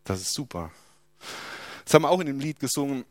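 A man's voice: mid-range voice, big pitch swings, fast talker, dry recording. A man preaching a sermon, asking rhetorical questions and dropping his voice for emphasis.

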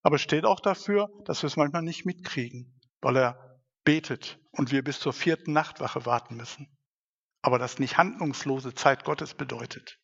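A man's voice: medium pitch, moderate pace, gravelly, a bit bright, breathy edge. A man preaching a sermon in an earnest manner, rising to emphatic stresses. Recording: dull sound, long hall reverb.

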